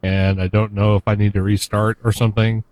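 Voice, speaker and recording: A man talking over an internet voice call with uneven volume, halting and stammering in casual podcast chat. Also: fairly low pitch, level tone, darkish tone, no room sound. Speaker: podcast co-host.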